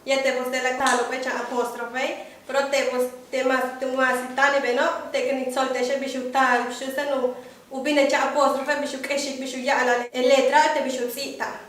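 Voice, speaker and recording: A young woman from Yucatán, Mexico, teaching a language lesson in a halting way with many fillers. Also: sits high, level tone, fairly bright tone. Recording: echoey room, far from mic.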